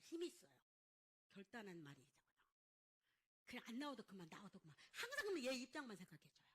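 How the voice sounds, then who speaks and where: A woman's voice: on the high side, a bit bright, slightly rough. A middle-aged woman pastor preaching a sermon with emphatic call-and-response questions, acting out the lines of biblical figures. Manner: acts out biblical figures' lines in dramatic voices.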